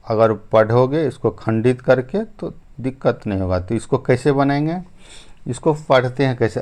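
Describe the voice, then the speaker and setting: A man at a medium pitch, slightly mellow, works through a spelling lesson as an English teacher. He moves step by step, explaining slowly, repeating himself and leaning often on "ठीक है" and "अब जो है".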